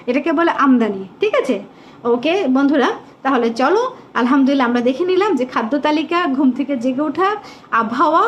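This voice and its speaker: A woman teacher giving a live online English lesson, patiently repeating questions and drawing out English words slowly. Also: high voice, dull audio, slight background noise.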